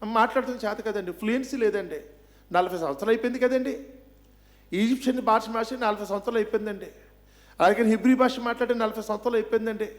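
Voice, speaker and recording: A man's voice: high voice, fairly even intonation, fast, natural voice. A man voicing a reluctant older Moses who pleads and makes excuses in a raised, whiny voice. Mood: excusing.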